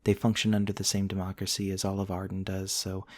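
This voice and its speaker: Speaking fast and in a low monotone, a man lightly acts the part of a gentle, centuries-old vampire prince for an intimate ASMR roleplay. The courtly character is tender, hesitant and old-fashioned in his manners, with a modest, faintly amused mood.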